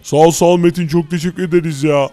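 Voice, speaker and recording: A scared market vendor with a high, strained voice who pleads quickly for rescue, as a man puts him on. The sound is dry, with faint game music behind it. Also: steady tone, mellow, dry recording, lightly acted. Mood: grateful. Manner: pleading, grateful. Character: frightened male market vendor.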